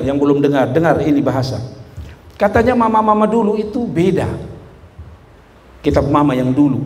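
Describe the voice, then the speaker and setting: Animated pastor in an echoey hall. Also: male voice, medium pitch. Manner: animated, humorous storytelling with shouted peaks. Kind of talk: lively sermon. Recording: echoey hall with faint room noise.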